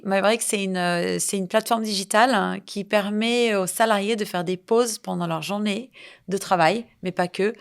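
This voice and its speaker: A woman from France, an entrepreneur guest in a podcast, explaining things lively with everyday examples. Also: lowish voice. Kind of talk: casual interview.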